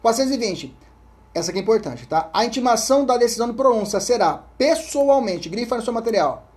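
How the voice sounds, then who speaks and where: In an expressive, quick-paced, slightly mellow delivery, a man with a Brazilian Portuguese accent lectures on law for exam preparation. He reads out statutes, repeats what matters most, checks in with his audience, and often lets his voice drop into a low murmur.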